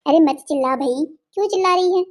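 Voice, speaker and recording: A woman's voice: high-pitched, fast, noisy background, natural voice. A woman voicing a swaggering male kidnapper with a sword in a cartoon story, talking in taunting, sneering threats.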